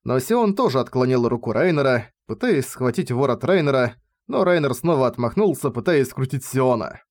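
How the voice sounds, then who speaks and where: A man narrating a light novel audiobook in a steady, even reading. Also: mid-range voice, moderate pace.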